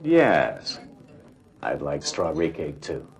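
A man playing a friendly boss ordering lunch in a scripted English lesson dialogue, spoken slowly and clearly. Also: a bass voice, wildly swooping pitch, full character voice. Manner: slow, clearly enunciated.

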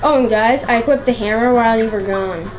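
Girl playing a game and chatting along, highish voice, game music behind. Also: brisk, low-quality recording. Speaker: let's play gamer. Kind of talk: casual game commentary. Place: indoors beside a television running a game. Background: video game music.

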